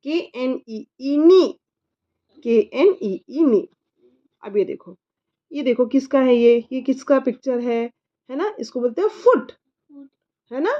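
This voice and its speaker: Patient mother spelling words slowly. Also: high voice, expressive, dark tone, dull audio. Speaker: mother teaching her child. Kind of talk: slow spelling lesson.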